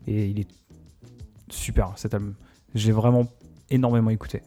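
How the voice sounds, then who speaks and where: A man co-hosting a podcast, recommending music in halting, enthusiastic casual chat. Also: on the low side, little pitch movement, dark tone. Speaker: podcast co-host.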